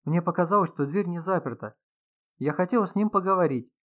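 Man voicing a nervous woman writer, middle-aged, stammering, high and shrill, storybook, lo-fi sound. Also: a little fast, a bit bright. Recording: slightly dull lo-fi sound.

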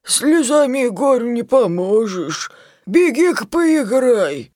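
Woman voicing an old grumbling basset hound. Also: sing-song, darkish tone, no echo, studio quality. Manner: grumbling, drawn-out. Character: old male basset hound, grumpy yet kindly. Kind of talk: storybook reading.

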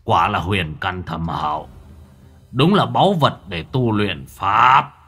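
A man voicing an evil, scheming old sorcerer ghost who talks slowly and with menace, husky and low. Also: animated, sharp tone, full character voice. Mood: menacing. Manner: slow, menacing, cackling.

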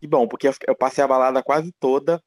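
A man's voice: medium pitch, steady tone, quick pace, darkish tone, no echo. Rambling Brazilian man, dry sound. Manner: rambling, many fillers and restarts. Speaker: guest, teacher living abroad. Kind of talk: casual interview chat.

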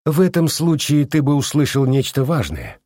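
A man's voice: fairly high pitch, big pitch swings, normal speed, darkish tone, no room sound, studio quality, pitched above the performer's own voice. A man playing a curt barking baron. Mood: cutting.

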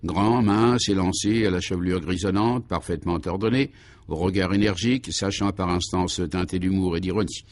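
A man narrating a vintage radio serial in a measured, dryly ironic storytelling manner. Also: deep voice, a little mellow, no echo.

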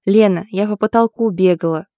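A woman voicing a sharp-tongued, sarcastic young woman in an audiobook, with a loud, mocking delivery. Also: mid-range voice, normal speed, no room sound, clean studio sound, natural voice.

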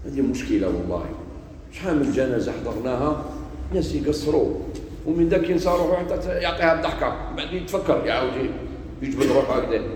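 A man preaching a sermon with an Algerian Arabic accent, shifting between loud emphasis and quiet asides. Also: mid-range voice, animated, fast, a little hiss or hum. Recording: echoey hall from far off.

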